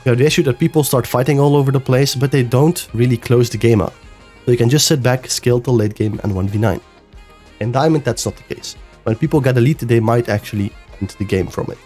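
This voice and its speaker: A young man with a cold, his voice a bit nasal and rough, talking through a gameplay review as a coach with loose, explanatory speech. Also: mid-range voice. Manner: explanatory, loose with fillers and restarts. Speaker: game coach. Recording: faint music behind. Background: soft background music.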